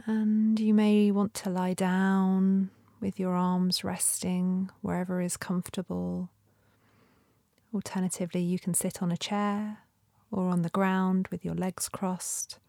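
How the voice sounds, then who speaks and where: A woman leading a guided meditation in a soft, breathy, often near-whispered voice with a gentle, soothing manner and long pauses. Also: fairly low pitch, little pitch movement, no echo, clean studio sound.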